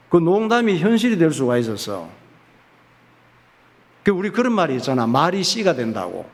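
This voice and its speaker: A pastor telling a folk tale in his sermon, lively and folksy, often asking and answering his own questions. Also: high voice. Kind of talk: sermon storytelling. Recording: reverberant church hall.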